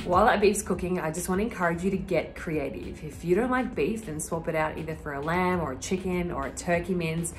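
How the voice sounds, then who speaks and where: A woman's voice: on the low side, brisk, hardly any pauses. A young woman hosting a cooking vlog, explaining a recipe to camera in a friendly, instructive way from her home kitchen. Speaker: cooking vlogger. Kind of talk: upbeat cooking tutorial. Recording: music clearly underneath.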